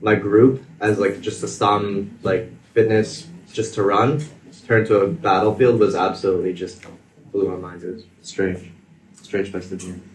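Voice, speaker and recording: A man's voice: on the low side, level tone, normal speed, a little hiss or hum. A man giving an informal reflection to a group, hesitant and piling up fillers as he searches for words. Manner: hesitant, filler-heavy with many 'like's. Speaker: group participant sharing a reflection. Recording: echoey, distant microphone.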